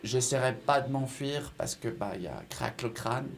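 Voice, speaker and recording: A man's voice: medium pitch, normal speed, gravelly, slight background noise. A man, improvising narration and dialogue as a tabletop game master in a casual, hesitant way. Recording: music playing behind the voice. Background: music.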